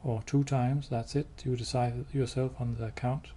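A man gives a hands-on product demo indoors in a showroom with wall-mounted devices, explaining step by step in a halting, matter-of-fact way. His mid-range voice has a flat delivery and a dark tone, and background noise is clearly audible.

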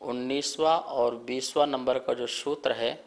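Man teaching scripture, slow and deliberate. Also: mid-range voice. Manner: calm, deliberate explaining with careful pronunciation drills; leads call-and-response recitation. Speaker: religious teacher leading a scripture class. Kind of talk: televised scripture lesson.

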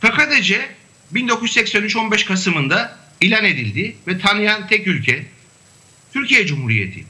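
A man with a high voice and a very bright, sharp tone explains his points as a guest on a panel discussion. He talks in a measured way, pausing often on fillers. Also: sing-song. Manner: measured, hesitant with frequent fillers. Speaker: academic guest.

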